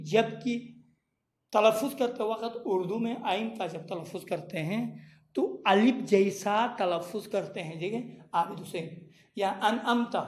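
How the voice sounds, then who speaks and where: A tajweed teacher giving a recorded lecture, repeating and contrasting letter sounds slowly to demonstrate each one. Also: medium pitch. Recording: echoey room.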